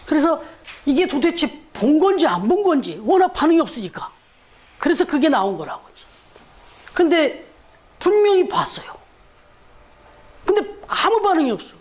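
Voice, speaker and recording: A pastor preaching a Sunday sermon in church, talking conversationally and putting rhetorical questions to the congregation. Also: male voice, very high-pitched, sing-song, moderate pace, long pauses.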